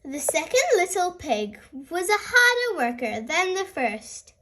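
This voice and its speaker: A woman narrates a children's storybook as if opening a fairy tale. Her voice is very high, and she speaks slowly with big, lively swings in pitch. Her delivery is animated and sing-song, aimed at small listeners. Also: a little hiss or hum. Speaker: host reading stories aloud for small children.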